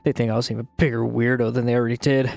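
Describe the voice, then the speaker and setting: Rapid-fire and lightly acted, a man plays a guilt-ridden narrator confessing a grim childhood memory in brooding, dramatic horror-story style. His voice is gravelly and husky, medium-pitched, level, and a little mellow, with no room sound. He comes across anxious and guilty, with music behind him.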